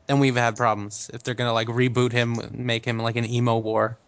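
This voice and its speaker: A man's voice: medium pitch, little pitch movement, brisk, fairly bright tone, clear, resonant tone, no room sound. Guy on a gaming podcast, griping a little, dry close sound. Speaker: podcast co-host. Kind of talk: casual chat about video games.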